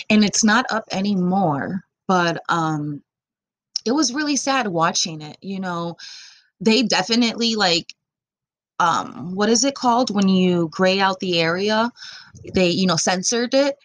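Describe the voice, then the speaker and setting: A woman's voice: medium pitch, a bit bright, dry recording. A young woman doing casual opinion commentary, blunt and profane, rambling with lots of fillers.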